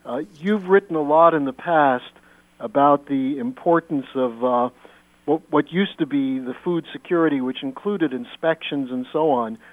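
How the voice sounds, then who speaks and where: A male radio host asking a guest measured, lengthy questions. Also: fairly high pitch, dry recording. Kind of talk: radio interview. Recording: tinny phone-like radio line.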